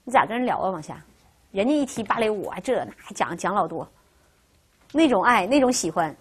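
A woman's voice: mid-range voice, expressive, a little fast, husky. A woman teaching a language class, who keeps asking her students rhetorical questions and checking in with "right?". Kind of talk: classroom lecture.

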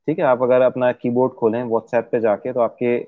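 A man from Pakistan, a guest in an interview, explaining things at length and pausing often on drawn-out fillers. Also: mid-range voice, level tone, no echo. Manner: hesitant, many drawn-out fillers. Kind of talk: explanatory conversation. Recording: dry, tinny phone-like sound.

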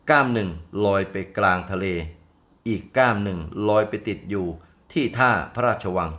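Older guy telling a fable, low-ish voice, folksy, keeps wandering off into explanations. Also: a bit bright. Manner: folksy and digressive, explaining as he goes. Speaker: storyteller. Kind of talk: folk tale narration with asides.

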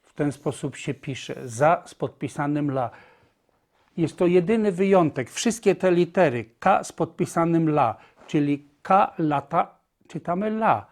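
A man's voice: fairly high pitch, animated, unhurried. A man teaching a language lesson, patiently explaining and repeating each point step by step.

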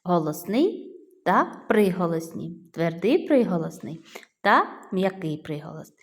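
A middle-aged woman, a primary school teacher, patiently drags out each word while sounding it for young children in a phonics lesson. Her voice is lowish and very animated, yet she keeps a measured pace. Long reverb fills the echoey room.

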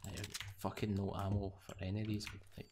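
A man's voice: fairly low pitch, completely flat delivery, quick pace, background noise. A young man giving casual live commentary while he plays, muttering to himself and swearing freely. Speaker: gamer.

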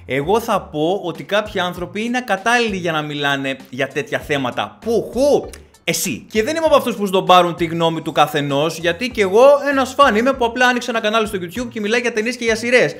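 A man's voice: sits high, few pauses. A man in his thirties, a movie-reviewing YouTuber, reading out viewer comments and answering them sarcastically. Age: 30s. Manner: sarcastic, animated, switches voices.

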